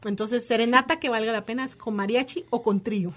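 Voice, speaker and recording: A Colombian woman in her forties, telling her story in a lively way in an interview and quoting others in their voices. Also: fairly high pitch, fairly quick. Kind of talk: conversational interview.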